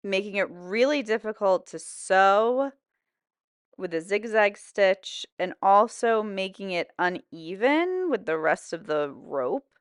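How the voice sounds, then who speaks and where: A woman's voice: mid-range voice, expressive, slow, clear, resonant tone, dry recording, clean studio sound. A woman giving a wry, reflective voice-over about her sewing project. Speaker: sewing vlogger. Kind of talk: voice-over narration.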